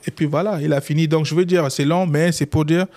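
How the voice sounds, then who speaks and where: A young man from Chad, a lawyer, speaks briskly in a fairly high-pitched voice with a Chadian French accent. As a guest in a casual interview, he tells his story in an animated way, acting out the quoted dialogue.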